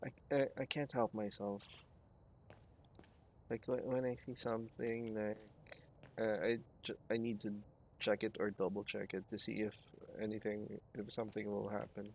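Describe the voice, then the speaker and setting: A man giving casual let's play commentary, hesitant and halting as he thinks aloud. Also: on the low side, level tone, a little mellow, a little hiss or hum.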